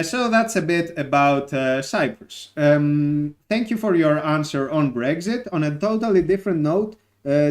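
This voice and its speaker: A young Greek man, native Greek speaker, hosting a live stream and talking casually and thoughtfully with many filler pauses. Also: fairly high pitch. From Greece.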